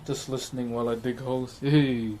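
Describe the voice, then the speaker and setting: A man's voice: medium pitch, flat delivery, brisk, a little mellow. A man with a broad New Zealand accent chatting casually with livestream viewers as host, in a laid-back, matey way. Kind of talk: casual livestream chat while carving. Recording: clearly noisy background ambience.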